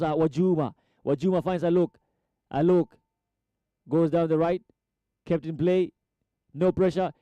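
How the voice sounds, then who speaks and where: Brief: male match commentator, slightly higher voice, dark mellow tone, dry close mic, rapid play-by-play. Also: no room sound. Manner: rapid play-by-play, repeats player names, rises sharply at chances. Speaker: football commentator.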